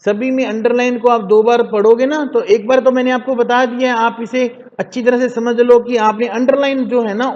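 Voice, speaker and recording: A man teaching a children's English lesson, saying words slowly so pupils can repeat them after him. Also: high-pitched, darkish tone, big-room sound, lo-fi sound.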